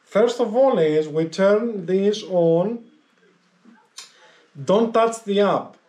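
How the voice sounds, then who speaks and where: Using a high-pitched, slightly mellow voice, a man vlogs a casual hands-on tutorial, going step by step while halting and repeating himself.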